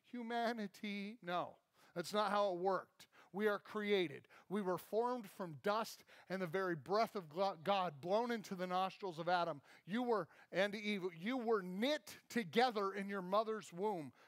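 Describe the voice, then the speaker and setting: A man in his thirties delivers a sermon from a church stage, pacing and gesturing as he talks. His voice sits high for a man. The sound is dry and close, with little room echo. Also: fairly bright tone. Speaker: pastor. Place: church stage, large indoor hall.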